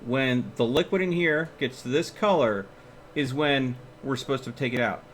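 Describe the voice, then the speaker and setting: With music in the background and slight noise, a man streams a game live and chats casually, narrating each move to himself and throwing in exclamations. He speaks at a normal speed in a medium pitch.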